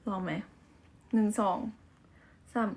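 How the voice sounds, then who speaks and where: A native Thai speaker with a Thai accent hosts a casual livestream chat through a phone mic. Her voice is slow and darkish in tone, and she switches between chatty Thai and careful English.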